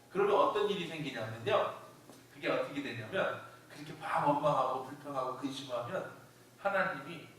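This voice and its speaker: A man's voice: high voice, a bit bright. A man pastor giving a conversational, emphatic sermon with personal stories, recorded in a church. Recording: very echoey church hall from a distance with faint hiss.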